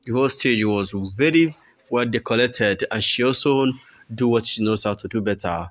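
A man's voice: mid-range voice, moderate pace, fairly bright tone. A man hosting a channel, giving a casual voice-over about a concert in a chatty, repetitive way with many fillers. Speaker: channel host.

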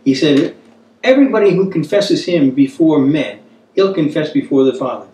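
An earnest man in his fifties exhorts his Bible study group in sermon fashion, hammering phrases through repetition. His fairly high, dark-toned voice is expressive and keeps a normal pace. He sits at a wooden table in a small indoor room, recorded from a distance amid echo and slight background noise.

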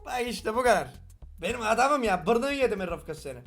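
Young male gaming host, regional Turkish dialect, rapid joking delivery, higher voice over light background music. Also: animated, a bit bright. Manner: fast-talking, joking, swears often. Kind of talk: casual reaction commentary.

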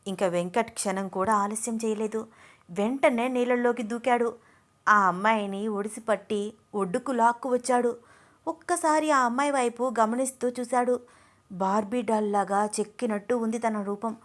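A woman reads a scripted story aloud with expressive, measured pacing. Her voice sits somewhat high. She speaks as the host of her own story channel.

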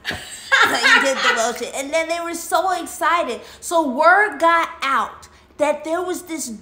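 A woman's voice: sits high, measured pace. A woman telling a children's story in a casual way, acting out the characters' lines and the dog's barks. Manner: animated, acts out lines and dog barks. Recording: echoey room with faint noise.

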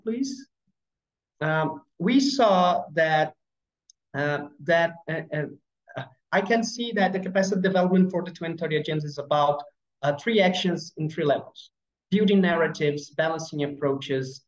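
A man from Brazil with as his gives an online presentation over a webcam, speaking haltingly with many fillers and restarts. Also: fairly high pitch. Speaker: conference speaker. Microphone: video call webcam. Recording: roomy, slightly dull video call audio.

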